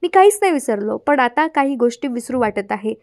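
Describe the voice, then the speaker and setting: A woman reading the lines of a gravely ill young man, speaking softly and gently. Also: fairly high pitch, animated, a little fast. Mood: tender. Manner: soft and gentle.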